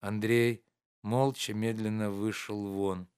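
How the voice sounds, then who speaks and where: A man reading a classic novel aloud in a measured, expressive narration. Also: on the low side, clear, resonant tone. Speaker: audiobook reader. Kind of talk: literary audiobook narration.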